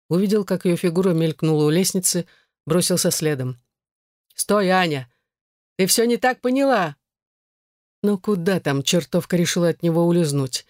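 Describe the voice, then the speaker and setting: A man's voice: on the high side, darkish tone, no room sound, clean studio sound. A man giving scripted narration of a romance novel audiobook.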